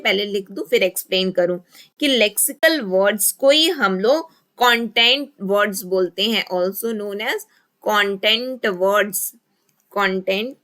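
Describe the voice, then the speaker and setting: A woman's voice: mid-range voice, a bit bright. A woman teacher giving an exam-prep lecture, mixing Hindi and English, asking and answering her own questions and dictating key terms word by word.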